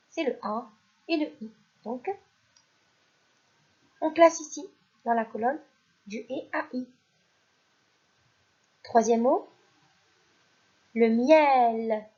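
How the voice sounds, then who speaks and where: A woman teaching a primary school phonics lesson, who reads each word out loud twice and praises the children. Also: sits high, husky, highs cut off. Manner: slow and deliberate, repeats each word and stresses it louder; addresses pupils directly, praising them. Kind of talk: recorded French phonics lesson.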